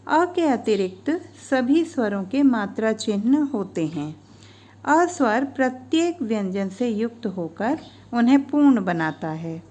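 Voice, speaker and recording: A woman in her fifties gives a scripted grammar lesson in a slightly high voice. She speaks slowly and spells out each sound and example with deliberate care. The narration runs over lesson slides. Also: very animated, a little mellow. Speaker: teacher.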